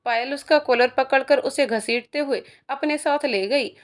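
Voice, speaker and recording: A woman narrating a scripted story in a plain, even storytelling manner. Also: high-pitched, measured pace.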